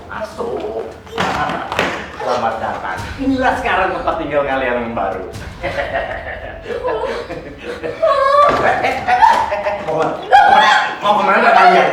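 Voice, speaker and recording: A sneering, pushy trafficker agent. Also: male voice, high voice, long reverb tail. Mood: gloating. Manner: bossy, hurried, sneering, keeps urging "ayo". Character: slick male trafficker posing as job agent, pushy and gloating. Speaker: job agent.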